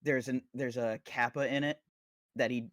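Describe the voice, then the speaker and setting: A man's voice: mid-range voice, steady tone, normal speed, fairly bright tone, no echo. Rambling young man, dry close mic. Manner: rambling, crude humor. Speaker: podcast co-host. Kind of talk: casual chat.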